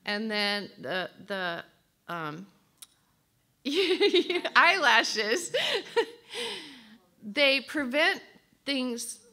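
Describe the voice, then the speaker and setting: A woman teaching a sermon at a conference, checking in with her listeners and reading song words softly. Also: fairly high pitch, expressive. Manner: slow, warm teaching with audience prompts; reads song lyrics softly. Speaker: speaker at a women's conference.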